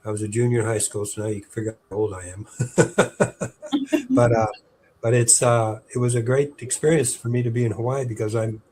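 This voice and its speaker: A man's voice: mid-range voice, steady tone, fairly quick, dark tone, a little hiss or hum. A man in his seventies chatting as an interview guest, rambling with many fillers and restarts. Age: 70s. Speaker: interview guest, historic park staff. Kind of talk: casual interview chat.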